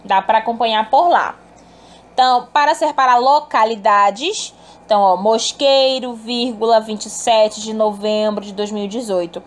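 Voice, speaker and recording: A woman's voice: on the high side, fairly even intonation, moderate pace. A woman teacher explaining a lesson to her pupils in a patient, explanatory way, calling them fond names. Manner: explanatory, addresses pupils fondly. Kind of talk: recorded online lesson.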